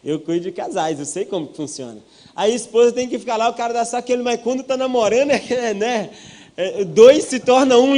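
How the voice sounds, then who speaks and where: A young Brazilian man preaches a humorous testimony sermon as a pastor, telling his own story with jokes and acting out what people said. His voice sits high and is a little mellow.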